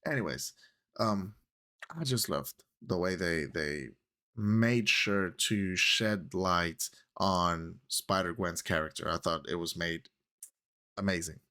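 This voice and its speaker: A man's voice: low voice, slow pace, bright, forceful tone. A man whose first language is Spanish, talking casually to camera about a film he loved, with lots of fillers and self-corrections. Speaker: vlogger. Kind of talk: casual movie talk to camera.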